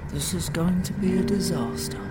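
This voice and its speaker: A woman's voice: fairly low pitch, moderate pace, over loud music, close to an everyday voice. A woman playing an anxious, uptight man. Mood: fretful. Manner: fretful, exasperated, apologetic. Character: anxious, uptight thirty-something man, an accountant. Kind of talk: audio drama acting.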